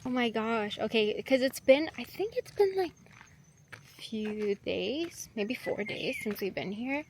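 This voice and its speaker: A woman chatting to camera in a casual vlog outdoors, excited and full of fillers. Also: on the high side, takes it slowly. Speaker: vlogger showing their land. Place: outdoors on a building site. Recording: outdoor noise, passing vehicles.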